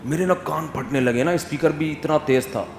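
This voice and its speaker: A man giving an Islamic sermon, swinging from emphatic questions to soft, quiet asides. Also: fairly high pitch, slight background noise. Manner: animated, rises to emphatic questions, drops to soft quotes. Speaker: Islamic scholar giving a talk. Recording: echoey hall with faint ambience.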